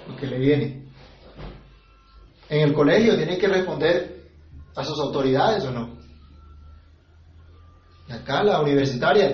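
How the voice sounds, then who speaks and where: A man, preaching a sermon. His voice sits a little high, and he keeps turning to the listeners with rhetorical questions. The room is echoey and the sound slightly muffled. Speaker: pastor.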